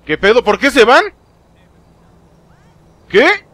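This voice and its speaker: A young man with a Mexican Spanish accent, giving live gameplay commentary, excitable and swearing often as he talks to game characters. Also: sits high, normal speed, no echo. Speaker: gaming streamer.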